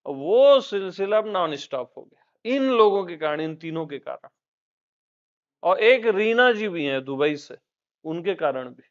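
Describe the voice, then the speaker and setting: A man's voice: high voice, lively intonation, measured pace, lo-fi sound. A man as a spiritual teacher giving an informal satsang talk, telling stories in a chatty way and laughing often.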